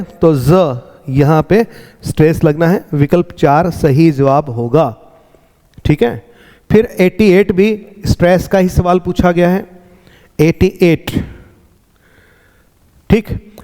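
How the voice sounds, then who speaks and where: A man going through exam answers as a teacher, slowly explaining and repeating words to drill pronunciation. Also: a little high, dark tone, long reverb tail. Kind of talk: exam answer walkthrough lesson.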